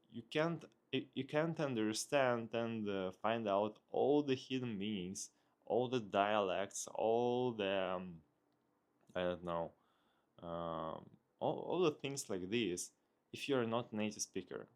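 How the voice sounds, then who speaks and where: This is unscripted, easygoing vlog talk from a man with a Russian accent and a fairly low voice. His delivery is very slow, with frequent pauses as he searches for words and works through his thoughts aloud.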